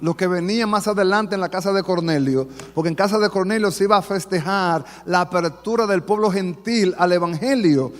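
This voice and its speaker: Man, pastor, fervent sermon, high-pitched voice, long church reverb. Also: fairly quick, hardly any pauses. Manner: fervent preaching, calls the congregation "amado". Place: church sanctuary.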